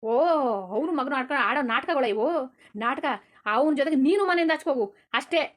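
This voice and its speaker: A fast-talking, bossy landlord father in a village cartoon, voiced by a woman. The voice sits high and rattles off angry scolding, repeating phrases over and over. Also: fairly bright tone. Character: stern rich village landlord father, quick-tempered. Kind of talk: cartoon dubbing.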